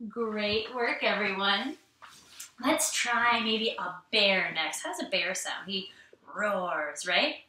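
Bright sing-song woman teaching kids yoga. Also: mid-range voice, lively intonation, slow pace. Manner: gentle, encouraging, sing-song. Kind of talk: children's yoga lesson. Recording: echoey room, mic at a distance.

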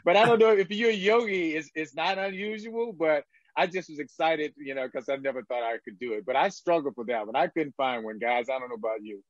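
Chatty male guest who rambles; fairly high voice, dry and muffled call audio. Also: brisk, few pauses, dry recording. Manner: chatty, laughs often, rambles. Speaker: chief creative officer. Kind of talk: casual video-call chat.

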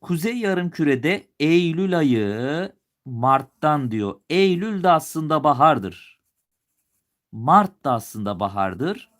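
A man's voice: on the high side, big pitch swings, takes it slowly. Turkish male teacher quizzing himself aloud. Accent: Turkish, with a regional lilt he puts on at times. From Turkey. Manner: talks students through questions, asking and answering himself. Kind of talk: live online exam review lesson.

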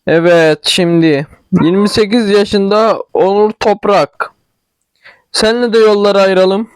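High-voiced young man with regional Turkish dialect. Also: fairly even intonation, measured pace, smooth, dry recording. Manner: chatty, thinking aloud, stumbles over words. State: tickly throat, clearing it. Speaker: gaming channel host. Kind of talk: casual game commentary.

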